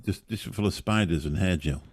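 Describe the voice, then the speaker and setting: A man's voice: low voice, normal speed, slight background noise. A man who is a regular on a live radio chat, cracking dry jokes and laughing often. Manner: wisecracking, laughing.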